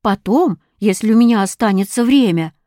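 A woman's voice: mid-range voice, expressive, normal speed, dark tone, dry recording, clean studio sound, natural voice. A woman voicing an anxious schoolboy who calls out urgently in an audiobook story. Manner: raised, urgent calling. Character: schoolboy hero, eager and anxious.

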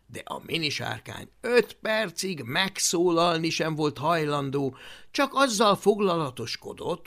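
An audiobook reader narrating a children's story in an animated, expressive way. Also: medium pitch.

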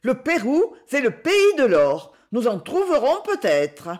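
An eager, cheerful young schoolboy, put on by a woman reading an audiobook, speaks in a high, bouncing voice. His lines swing up and down with earnest excitement. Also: unhurried. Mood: enthusiastic. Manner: bright, pleading, enthusiastic.

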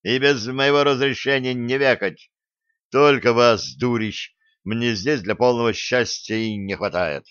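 A man's voice: medium pitch, unhurried, a bit bright, clean tone, no echo, lightly acted. A man voicing an exasperated starship captain. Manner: exasperated, barks orders. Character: young male starship captain, harried and short-tempered. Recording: dull dry close recording.

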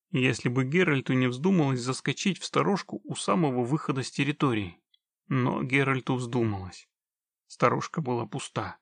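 A man narrating an audiobook in a steady, measured storytelling manner. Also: mid-range voice, creaky, no echo.

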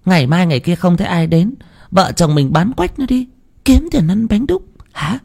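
A man voicing a shrill, stingy old village wife who scolds and schemes. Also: animated, moderate pace, creaky, darkish tone, heavily acted. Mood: scheming. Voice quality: high, strained, nagging.

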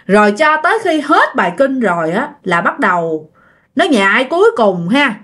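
A woman with a Southern Vietnamese accent tells a ghost story in a casual, chatty way, turning often to her listeners. Her voice sits a little high and moves through a wide, expressive pitch range. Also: normal speed. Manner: chatty, addresses listeners directly.

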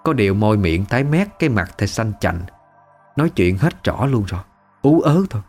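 A man with a Southern Vietnamese accent tells a first-person family story in a low voice. His delivery is conversational and emotive. Soft music plays faintly in the background. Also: big pitch swings, fairly quick.

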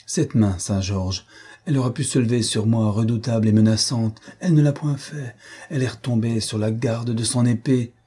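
A man voicing an earnest young colonel who pleads urgently and proudly, with a husky, dark voice. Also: mid-range voice, moderate pace, natural voice. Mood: imploring.

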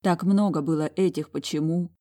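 A woman reading a first-person novel aloud as audiobook narrator, in a measured way. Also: low voice, steady tone, dark tone.

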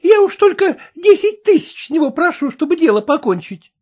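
A woman's voice: extremely high pitch, very animated, normal speed, darkish tone, pitched above the performer's own voice. A woman reading a storybook, voicing a grasping middle-aged woman who haggles shrilly and insistently. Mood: haggling, insistent.

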